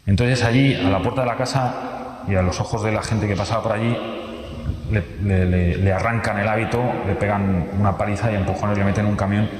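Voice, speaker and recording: Low-voiced man from Spain, echoey hall. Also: steady tone, a little fast. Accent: Spain Spanish. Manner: vivid storyteller, repeats phrases and restarts often. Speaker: speaker giving a testimony. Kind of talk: storytelling talk. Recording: echoey hall with long reverb.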